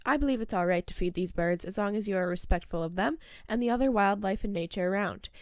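A woman's voice: mid-range voice, no room sound. A woman hosting a birdwatching video, reading a scripted voice-over narration. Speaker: host of a birdwatching video channel.

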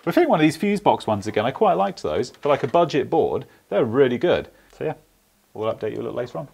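A man's voice: medium pitch, sing-song, fast talker, creaky, background noise. A man working as an electrician, chatting casually to camera on a job in a house, joking and swearing freely. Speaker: electrician vlogger. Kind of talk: casual on-site vlog. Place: house under renovation, indoors.

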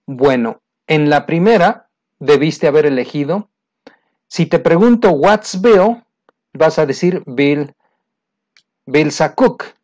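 Slow, patient male English teacher. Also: on the high side, animated, a little mellow. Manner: patient, repetitive explaining, speaks straight to the learner. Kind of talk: recorded lesson going over exercise answers.

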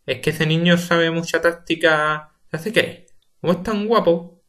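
A man's voice: a little high, fairly even intonation, unhurried, fairly bright tone. A man with a Spain Spanish accent reading the part of an outspoken, gossiping middle-aged neighbor woman in a play audiobook. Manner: blunt, nosy, gossiping.

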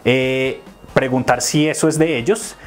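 A man, explaining an English lesson and slowing down to pronounce the English examples. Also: medium pitch, fairly even intonation, soft background music. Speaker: English teacher.

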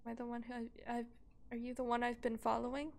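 A woman's voice: fairly high pitch, monotone, fast talker, vocal fry, darkish tone, a little hiss or hum. A woman playing a video game and commenting aloud in a chatty, joking way, reacting as she goes. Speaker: let's play gamer. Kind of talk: casual let's play commentary.

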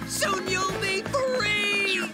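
Casting: a shrill, excitable cartoon creature, slow and sing-song, over cartoon music. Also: female voice, full character voice. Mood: excited. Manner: exclamatory, quick swings of pitch. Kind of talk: cartoon voice acting. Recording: music underneath.

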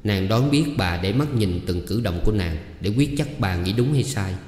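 A male audiobook narrator. He reads in a steady, low voice, and the recording carries a noticeable echo and a long reverb. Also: normal speed. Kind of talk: scripted narration. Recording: echoey, reverberant room.

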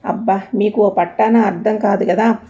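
A woman's voice: medium pitch, fairly even intonation, normal speed, warm tone, lo-fi sound, lightly acted. A woman doing a chatty, gossip-loving wife. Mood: gossipy. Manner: chatty, confiding.

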